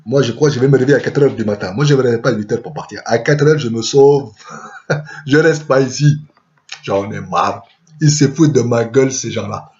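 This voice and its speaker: A man's voice: medium pitch, quick pace, a little mellow. A man spins a comic tale in a rambling, chatty way, piling up lists of words and throwing in asides to the listener. His voice sits in a middle range, and the recording is dull and lo-fi. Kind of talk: comic storytelling monologue.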